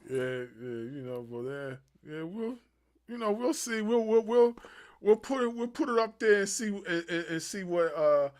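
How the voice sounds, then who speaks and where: A man hosting an interview podcast in a relaxed, chatty way. He talks animatedly and strings thoughts together with plenty of fillers. His voice sits on the higher side for a man. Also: normal speed. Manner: animated, rambling with many fillers. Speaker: podcast host. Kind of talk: casual interview chat.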